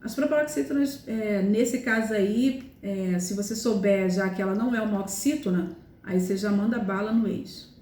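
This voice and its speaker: This recorded grammar lesson features a woman teaching Portuguese in a warm, mid-range voice at a moderate pace, with reverb in the sound. She breaks the rules down step by step, repeats examples, and often checks in by saying "tá?" and "né?".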